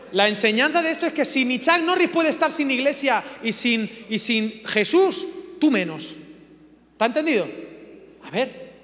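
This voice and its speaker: A man delivers a sermon with humor, firing off rhetorical questions in a voice that sits high for a man and has a fairly bright tone. The long reverb of a church hall trails behind him.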